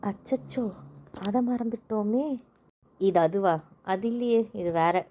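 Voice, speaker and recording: A cheeky young wife who talks back and sighs with exasperation , as a woman acts her. Her tone is mellow and warm. It is an amateur audio drama. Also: medium pitch, measured pace, close to an everyday voice.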